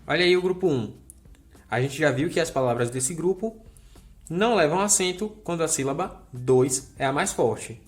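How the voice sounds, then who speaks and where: A man's voice: a little high, lively intonation, moderate pace. A man teaching a recorded grammar lesson. He explains step by step in a friendly way and checks in with the viewer often.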